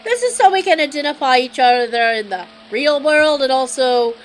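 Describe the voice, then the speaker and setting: A woman's voice: high-pitched, lively intonation, moderate pace, soft background music, poor audio. A woman voicing a sleazy, swaggering middle-aged male mobster with a put-on New Jersey accent, reading game dialogue on a live stream. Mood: explaining. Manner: brash, teasing mob-guy drawl.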